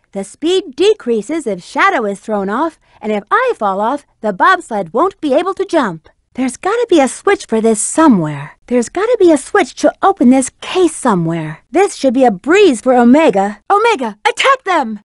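A confident, flirty lady bat treasure hunter from a video game. Her voice sits high and swings up and down with lots of expression. She delivers hints crisply and coquettishly, recorded close and dry. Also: no room sound. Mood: alarmed, indignant.

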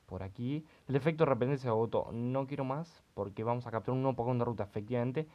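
A young man giving crude, excitable gaming commentary, swearing often. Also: mid-range voice, fast, highs cut off. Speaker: let's play host.

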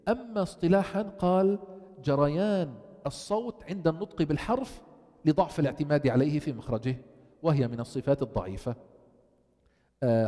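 Teacher, male, mellow and slightly high voice, long hall reverb, quizzes the class as he explains. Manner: explains, then asks the class questions and answers them. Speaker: tajweed teacher. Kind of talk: classroom lesson, switching between English and Arabic.

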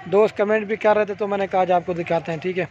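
Showing his goats in a farmyard beside a garden, a man with a Pakistani Urdu accent gives a casual, salesy walkthrough, repeating himself and frequently saying "theek hai." His high voice has a darkish tone and fairly even intonation. The phone audio is slightly muffled, with faint outdoor ambience and a little background noise.

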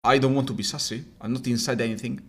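Fast-talking and fairly bright, a young man from Italy chats and jokes on a casual live stream in his small room, his mid-range voice fairly even in intonation. He speaks with an Italian accent, often stumbles over words, and wears headphones in webcam framing.

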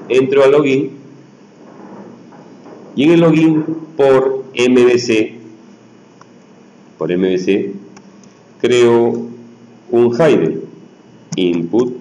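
A man teaching a programming class in a casual way, tossing in quick tag questions to check that his students follow. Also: lowish voice, warm tone, a little hiss or hum. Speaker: programming instructor. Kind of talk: live coding lesson. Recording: roomy echoey room.

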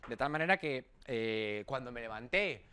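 A man with a Spain Spanish accent giving a humorous pep talk to exam students as their tutor, lively and casual, with jokey swearing. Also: medium pitch, normal speed, smooth.

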